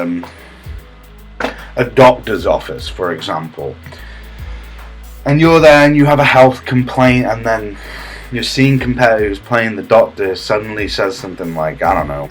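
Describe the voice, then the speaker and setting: A man giving a deadpan parody comedy tutorial, smug and rambling, with halting restarts and a husky voice. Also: on the low side.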